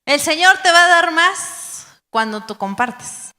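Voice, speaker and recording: A woman pastor delivers a lively sermon from the pulpit, slipping into quoted voices of believers. Her voice sits high and bright. The live church recording carries a long hall reverb. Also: takes it slowly. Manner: animated preaching, acting out quoted voices of believers.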